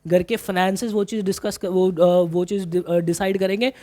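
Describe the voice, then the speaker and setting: Coaching commerce students through their exam plans, this man speaks briskly in a high, dark-toned voice with fairly even intonation. His chatty, casual style repeats phrases, calls listeners brother, and slips in English terms.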